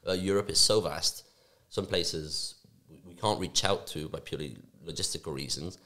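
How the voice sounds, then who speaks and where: A young man from Spain, a youth forum board member, answering interview questions in a studio, fast and animated with many restarts. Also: deep voice. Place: small office studio. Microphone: podcast mic on stand, headphones.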